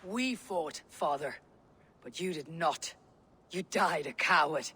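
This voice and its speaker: A woman's voice: low-pitched, slow pace, pushed and bright, slightly rough, exaggerated voice. A woman playing a grim, searching young Viking warrior in a dramatic game cutscene. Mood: grim, accusing.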